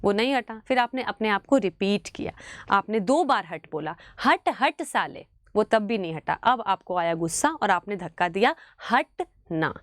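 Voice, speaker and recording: A woman teaching biology in an online exam-prep lecture, mixing English terms into her talk, calling students "beta" and drilling key words slowly. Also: mid-range voice, dry recording, studio quality. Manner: animated, mixes English into Hindi, calls students "beta".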